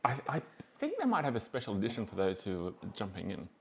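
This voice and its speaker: An Australian man co-hosting a relaxed podcast, chatty and quick to laugh, with lots of fillers. His pitch rises and falls a great deal as he talks. The room gives his voice an echoey ring. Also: noisy background. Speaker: podcast co-host. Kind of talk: casual chat.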